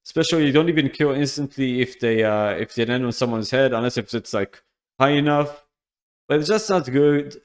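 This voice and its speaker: A man giving casual, rambling commentary as he ranks weapons from a shooter game, often restarting his sentences. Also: on the high side. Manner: loose and rambling, frequent restarts and fillers. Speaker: gaming YouTuber.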